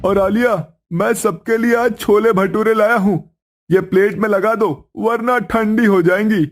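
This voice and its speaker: Cartoon husband, young, fussy, man voicing him: high, loud, scolding. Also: steady tone, measured pace. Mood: eager. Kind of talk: cartoon story voice acting.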